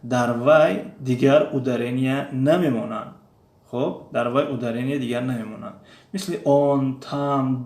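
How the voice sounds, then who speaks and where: Male teacher, gravelly voice, patient drilling of words, roomy echo. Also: mid-range voice, darkish tone. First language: Tajik. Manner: slow, repeats drill words aloud. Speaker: language teacher. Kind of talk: explaining a lesson.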